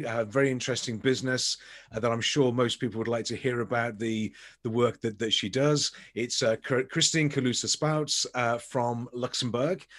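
A man's voice: mid-range voice, a bit bright. A middle-aged man hosting a podcast over a video call, rambling and repeating words as he starts his sentences. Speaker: podcast host. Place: home office with bookshelves.

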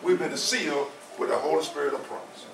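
In a small church hall, a seventy-year-old man delivers a conversational, informal sermon, stressing his points by repeating them. His pitch is fairly high, his intonation fairly even and his pace fairly quick, recorded from a distant camera with echo and slight background noise.

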